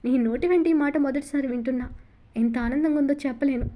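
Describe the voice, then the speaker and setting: A woman's voice: high-pitched, fairly quick, dark tone, lightly acted. A woman voicing a young man, an ardent and tender loving husband, in an audiobook novel reading, with a fond, coaxing manner. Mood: soothing.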